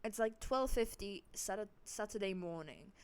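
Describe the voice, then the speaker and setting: A woman's voice: expressive, unhurried, smooth, no room sound. A young woman telling a storytime vlog casually, rambling with lots of fillers, restarts and swearing, and her voice swings up and down dramatically. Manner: dramatic swings in loudness and pitch. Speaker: vlogger.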